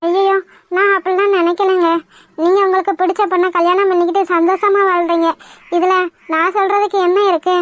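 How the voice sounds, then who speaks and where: A woman's voice: extremely high pitch, little pitch movement, brisk, no room sound. A woman voicing a remorseful young village woman in a cartoon, speaking in sobbing, self-blaming pleas. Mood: regretful. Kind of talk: cartoon voice acting.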